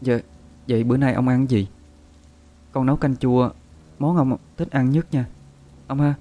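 A man's voice: medium pitch, very fast, darkish tone, pitched above the performer's own voice, close to an everyday voice. A man voicing a nineteen-year-old village girl who pleads and scolds in a raised voice. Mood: coaxing.

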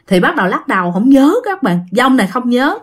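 A woman's voice: on the high side, sing-song, fairly quick. A woman telling a ghost story in a chatty way, often addressing her listeners directly. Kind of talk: casual ghost-story narration.

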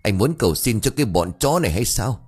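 A man voicing a grieving, furious older village man who shouts curses and mocks bitterly. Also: fairly low pitch, sing-song, fast talker, husky, soft background music. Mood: bitter mocking.

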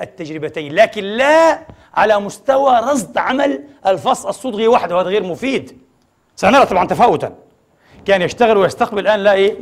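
Male preacher, quick and husky, lecturing an audience and answering his own questions. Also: high voice. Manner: rhetorical questions he answers himself. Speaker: religious lecturer. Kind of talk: formal religious lecture to an audience.

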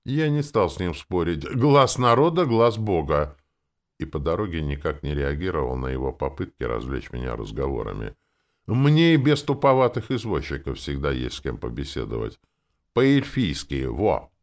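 A man narrating a first-person fantasy audiobook in a wry, expressive way. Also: extremely low pitch, normal speed.

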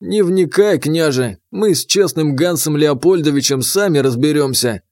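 A shrewd court official speaks in a sly, sardonic tone, as a male narrator plays him. He is calm and a touch high, and the recording is close and dry. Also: normal speed, no room sound, natural voice.

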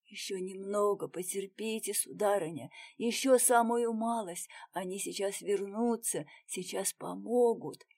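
A woman voicing an excitable young male soldier with bold, eager delivery in a storybook reading. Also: mid-range voice, measured pace, gravelly, hardly any pauses. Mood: whispering.

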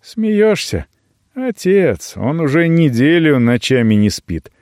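Brief: male reader doing a gruff, hot-tempered young man, rough and scolding, lively pitch. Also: slow pace, no echo, clean studio sound.

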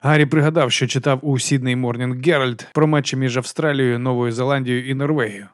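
A man reading audiobook narration in a calm, measured way. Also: medium pitch, no echo, clean studio sound. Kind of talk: scripted narration.

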